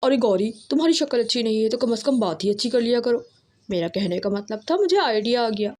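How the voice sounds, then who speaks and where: A woman's voice: fairly high pitch, lively intonation, brisk, a little mellow. Cartoon crow thief, male, greedy and scheming, boastful , read by a woman narrator. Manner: boastful, conspiratorial.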